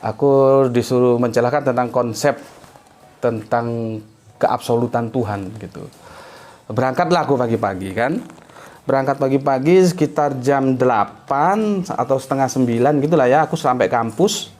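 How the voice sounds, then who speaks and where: A man's voice: mid-range voice, moderate pace, a little mellow. Chatty male preacher. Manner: chatty, anecdotal, frequent conversational tags and laughs. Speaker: Islamic preacher. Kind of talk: storytelling religious talk.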